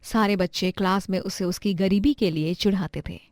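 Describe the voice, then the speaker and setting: A woman narrating a moral story in a gentle storybook manner. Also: mid-range voice, fairly even intonation, moderate pace, dry recording. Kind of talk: scripted narration.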